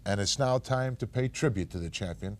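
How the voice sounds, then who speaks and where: A man's voice: fairly low pitch, fairly quick, slight background noise. A man hosting a wrestling studio show, enthusiastically hyping the latest news. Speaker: studio host.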